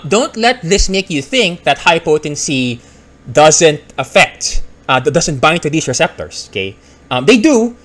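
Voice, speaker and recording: A man's voice: a little high, fairly bright tone. A man from the Philippines, a pharmacist giving casual explanatory commentary while reacting to a video, thinking aloud and correcting himself.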